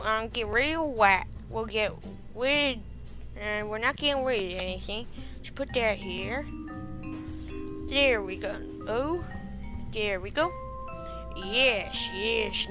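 A woman giving casual let's-play commentary as she plays, quickly frustrated and muttering at the game when things go wrong. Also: medium pitch. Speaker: gameplay commentator.

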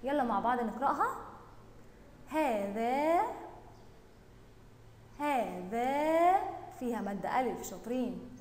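A woman with an Egyptian accent teaching young children Arabic reading, stretching out words slowly and praising them often. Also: on the high side, animated, roomy sound, big-room sound, a little hiss or hum. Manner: drawn-out syllable-by-syllable reading, praising and questioning pupils. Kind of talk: recorded online lesson for young children.

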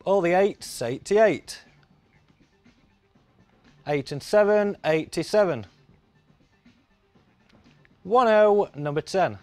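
A man's voice: sits high, lively intonation, slow pace, long pauses, darkish tone, no room sound, soft background music. A middle-aged man calling bingo numbers on a TV show in a sing-song, repetitive patter. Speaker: bingo caller. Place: TV studio.

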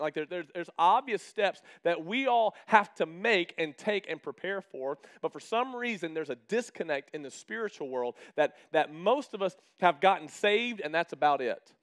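A pastor with a high voice preaches to his church. He keeps his sermon lively, calling out to the people in the room. He slows down hard on the phrases he wants to land. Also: smooth. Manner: lively preaching with call-outs to the congregation; slows down to stress key phrases. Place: church hall.

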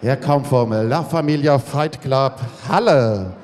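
A man working as a ring announcer, presenting fighters in a showy manner with drawn-out, shouted names. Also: medium pitch. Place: large indoor sports arena. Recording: echoing arena PA, noisy.

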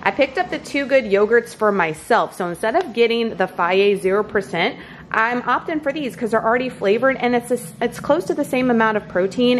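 Speaking directly to viewers, a woman with a mid-range voice runs through her grocery haul in an upbeat, casual chat. The indoor kitchen recording has a faint hiss or hum.

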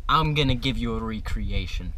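A young man ranting to camera for comedy, in an exaggerated, put-on Jersey Italian mobster accent, yelling angry rhetorical questions. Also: on the low side, expressive, moderate pace, noisy background. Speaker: car vlogger.

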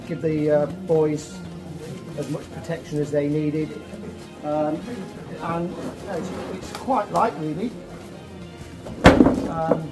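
A middle-aged man guiding a tour with halting explanations, his voice echoing inside a cave. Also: a little high. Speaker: cave tour guide and rescue participant. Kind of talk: explanatory guided tour talk. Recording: echoey cave, music over the voice. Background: music.

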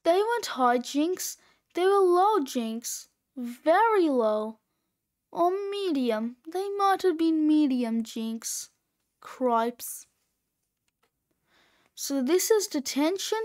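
A woman's voice: high-pitched, lively intonation, slow, a little mellow. A woman reading aloud, voicing a cocky, wisecracking sixth-grade boy. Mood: smug. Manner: smug, wisecracking.

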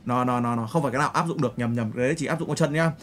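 A man's voice: mid-range voice, very fast, fairly bright tone. A young man streaming, chatting casually with viewers in a brash, joking way full of crude slang while he reacts to photos and clips.

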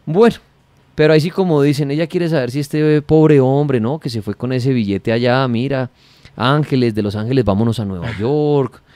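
A Colombian man hosts a radio call-in in a close, dry studio sound. His pitch is medium, and he questions in a probing, sarcastic manner. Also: normal speed, mellow, dry recording. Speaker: radio host.

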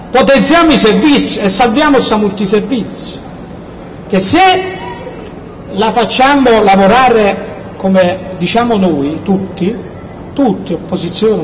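A middle-aged local politician with a southern Italian accent from Campania makes an emphatic, insistent speech in an outdoor town square, repeating key words. His voice is high, amplified through a stand-mounted microphone, and the rough public-address recording picks up background noise.

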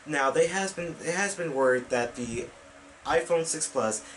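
A man's voice: on the high side, unhurried, slight background noise, poor audio. A young man hosting his own weekend vlog, talking casually to a webcam in his bedroom with lots of fillers and restarts. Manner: rambling with many fillers and restarts; gestures with hands while talking. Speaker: vlog host. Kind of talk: casual vlog talk to camera. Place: small bedroom with computer desk, indoors.

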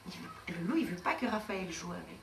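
A preschool teacher reads a picture book to small children, asking them questions in an encouraging, sing-song manner. Her lowish voice is animated, brisk, creaky, and a bit bright. The recording sounds roomy, with her far from the mic and faint noise.

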